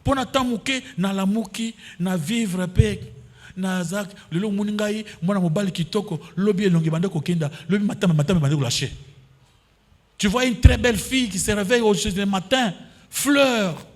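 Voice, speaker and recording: A man's voice: high-pitched, normal speed. A pastor in his fifties with a Congolese French accent, preaching a sermon that he punctuates with alleluias and amens and mixes with Lingala. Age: 50s.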